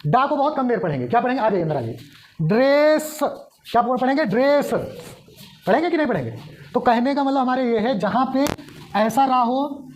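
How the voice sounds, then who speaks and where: A woman's voice: sits high, expressive, fairly quick, darkish tone. A woman teaching a lesson, who keeps asking the class questions and then answering them herself. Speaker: Hindi teacher. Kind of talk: explaining at a whiteboard.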